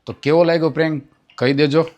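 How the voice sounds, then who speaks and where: A man's voice: on the high side, fairly even intonation, quick pace, darkish tone. Young male vlogger, casual coaxing chat to viewers. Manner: coaxing, pleading.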